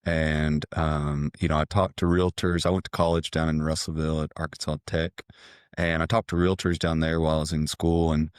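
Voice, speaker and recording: Thirties agent guest, very low smooth voice, dry close mic, candid and halting. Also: male voice, level tone, dry recording. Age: 30s. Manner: candid, hesitant with many ums. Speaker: real estate agent, guest. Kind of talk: casual interview.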